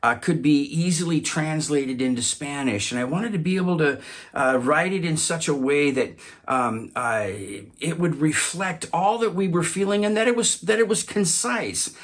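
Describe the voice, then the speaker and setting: A man telling a personal story, halting often to repeat and restart his words. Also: on the high side.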